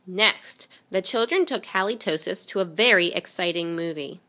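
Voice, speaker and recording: A woman reading a children's picture book aloud in an expressive storytelling way. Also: lowish voice, moderate pace. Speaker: reader.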